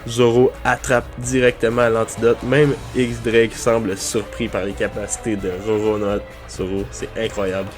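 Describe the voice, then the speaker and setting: A man's voice: lowish voice, little pitch movement, moderate pace, hardly any pauses, faint music behind. A man, tired, reacting casually to a manga chapter and thinking aloud. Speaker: manga reviewer.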